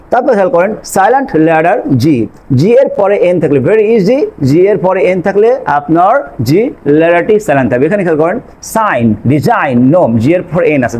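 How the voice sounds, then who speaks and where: A high-pitched man gives a spoken English lesson. He goes over each point slowly and repeats it, often asking a question and then answering it himself. His tone stays patient and steady. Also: low-quality recording. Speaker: English teacher.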